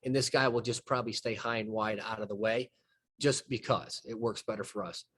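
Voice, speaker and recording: A man's voice: lowish voice, fairly even intonation, a little fast, fairly bright tone, breathy edge. A man, a basketball coach walking through game film and explaining plays step by step in a folksy way. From southern United States. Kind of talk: film breakdown conversation.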